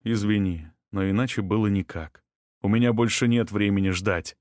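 A man reading an audiobook, voicing a wounded man who speaks with quiet, sorrowful calm. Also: on the low side, moderate pace, no room sound, studio quality, lightly acted. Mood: sad resolve.

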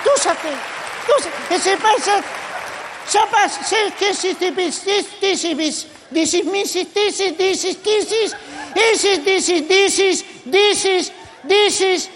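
A man doing a squeaky babbling comic clown. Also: takes it slowly, a bit bright, a faint crowd, exaggerated voice. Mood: giddy. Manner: rambling, punning, mock English-lesson recital. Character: manic grown man babbling silly wordplay. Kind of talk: live comedy sketch. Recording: live stage recording with audience and hiss.

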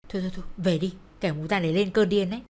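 A woman's voice: lowish voice, steady tone, racing, close to an everyday voice. A woman voicing a kind, sympathetic older woman who runs a small eatery, in a storybook reading. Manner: warm, sympathetic. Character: kindly older woman restaurant owner.

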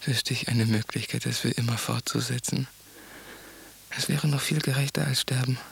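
An actor in a radio drama speaking intimately and broodingly, often in a whisper, over music. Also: male voice, medium pitch, steady tone, moderate pace, creaky, breathy edge. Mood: despairing. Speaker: narrator and protagonist. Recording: music in background.

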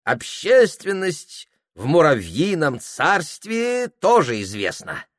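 A man's voice: fairly high pitch, huge pitch swings, takes it slowly, dry recording, studio quality, voice pushed up, full character voice. A man voicing a drunk, talkative exiled man who lectures with a slurring, tipsy manner. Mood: tipsy chatty.

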